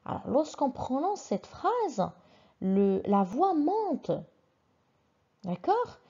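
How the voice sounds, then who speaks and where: A woman teaching a simple grammar lesson, patiently reading each example sentence twice with clearly marked question intonation. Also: high-pitched, sing-song, extremely slow, mellow, dull audio. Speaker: French teacher.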